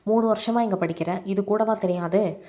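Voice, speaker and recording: A woman's voice: mid-range voice, mellow, natural voice. Mocking hostel attendant, read by a woman. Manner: mocking, slow.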